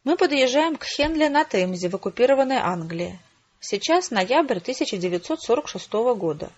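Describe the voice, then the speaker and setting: A woman voicing a wry, unflappable middle-aged father in an audiobook, calm and ironic. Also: fairly high pitch, brisk, lo-fi sound, voice pushed up. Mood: explaining.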